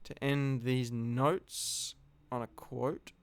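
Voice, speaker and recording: A man giving an earnest, reflective philosophical monologue, speaking deliberately in short phrases with long pauses. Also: mid-range voice, steady tone, smooth, dry recording. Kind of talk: solo reflective monologue, slow spoken address.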